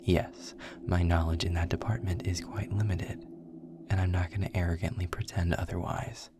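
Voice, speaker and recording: In an intimate audio roleplay addressed to the listener, a man plays a sarcastic, snarky demon mentor, an adult male who is worldly and proud. His low, husky, gravelly voice delivers wry, blunt lines with dry, deliberate, sardonic phrasing and breathy asides. The background is noisy.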